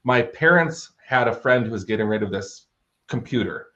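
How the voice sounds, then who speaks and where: Expressive, with a sharp tone and mid-range voice at normal speed, this fantasy author in his thirties tells stories as an interview guest. The American's delivery is casual, enthusiastic and wordy, and the audio sounds dull.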